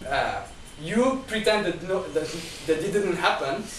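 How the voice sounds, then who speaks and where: Speaking at a discussion group in an indoor venue, a man who is a guest speaker delivers a lecture-style talk organized into numbered points, full of restarts and repeated words; Chinese is not his first language. His voice sits high and is very animated, though his pace stays measured. An echoey room, a far-off mic and a little hiss or hum mark the audio.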